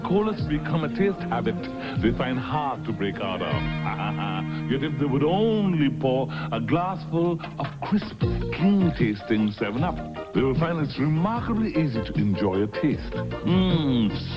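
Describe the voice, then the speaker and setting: A suave, theatrical soda pitchman savours each phrase with lively swings of pitch. It is a vintage commercial with loud music underneath. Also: a little slow. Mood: amused, suave. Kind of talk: vintage soft drink commercial. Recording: old broadcast ad with loud music.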